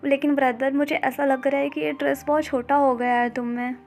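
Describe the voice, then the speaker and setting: A woman voicing an excitable, cheerful young man who gushes and teases his friends. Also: very high voice, brisk, creaky. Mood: excited.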